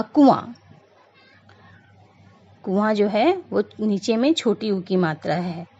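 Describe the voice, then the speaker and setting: Slow, patient woman teaching grammar. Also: mid-range voice, a little mellow. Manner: patient, repeats points, frequent "a" fillers. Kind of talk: slow explanatory lesson. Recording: dull lo-fi recording.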